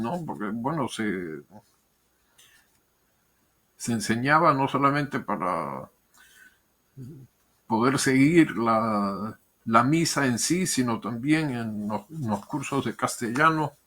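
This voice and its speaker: Thoughtful and measured, an older historian and diplomat answers interview questions with pauses and repeated words. He speaks in a mid-range, fairly bright voice.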